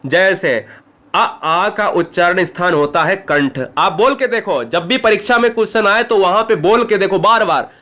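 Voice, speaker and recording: A man with a noticeably high voice teaches an exam-prep grammar lesson with a Bihari Hindi accent. He talks straight to his students and keeps checking that they follow with quick rhetorical questions. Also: expressive, sharp tone. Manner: addresses students directly, asks rhetorical questions.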